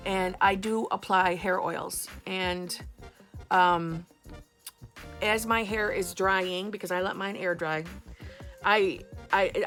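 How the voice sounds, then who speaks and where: A woman's voice: medium pitch, fairly bright tone. A woman with a New York accent chatting casually to her camera at home, blunt and sarcastic, swearing offhandedly. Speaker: beauty vlogger. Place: home, indoors.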